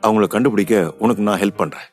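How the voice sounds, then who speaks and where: A woman voicing a young man who gently soothes and teases a crying friend. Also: extremely low pitch, quick pace, faint music behind, voice pushed down. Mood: soothing. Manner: gentle, teasing. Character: young man, teasing and caring.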